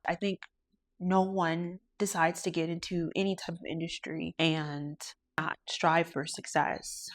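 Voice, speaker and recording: A woman's voice: lowish voice, flat delivery, unhurried. A woman hosting her own podcast as a lash artist, talking in an earnest, introspective, faith-centered way. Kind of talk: reflective solo podcast talk.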